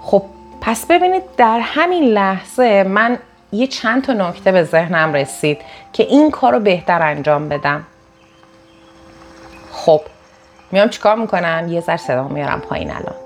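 A woman giving a recorded self-help lesson in a conversational way, deliberately raising and lowering her tone as she talks. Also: expressive, faint music behind. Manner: deliberately varies tone and loudness, conversational. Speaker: self-help course teacher.

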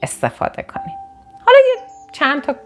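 Speaking to her audience as a motivational speaker, this northern Iranian woman is animated and energetic. She frequently rises sharply in pitch to stress points and backs up mid-sentence to fix or restart her words, over quiet background music.

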